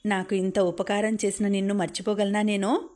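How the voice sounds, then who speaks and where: A woman voicing a kindly, grateful older gentleman who speaks gently, in an audiobook reading. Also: mid-range voice, little pitch movement, moderate pace, lightly acted. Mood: gentle concerned.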